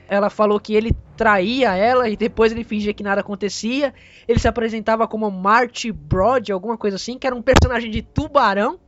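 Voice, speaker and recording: Man chatting in a dull lo-fi recording. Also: sits high. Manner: relaxed retelling with frequent "né?" tags. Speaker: podcast co-host. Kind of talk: casual recap chat about a TV episode. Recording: dull lo-fi audio.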